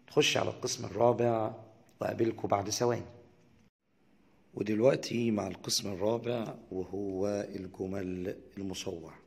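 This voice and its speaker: Young Egyptian male teacher, patient and repetitive, gravelly tone, long reverb behind. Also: on the low side. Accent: Egyptian Arabic. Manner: explains slowly, repeats English words to drill pronunciation. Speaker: English teacher. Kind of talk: recorded English lesson.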